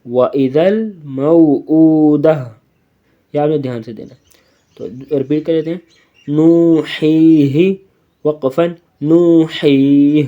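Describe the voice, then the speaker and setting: A man's voice: mid-range voice, highs cut off. Patient male Quran-reading teacher. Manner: patient, repeats "okay?" often, drawls syllables when reciting. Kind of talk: slow recitation lesson for children.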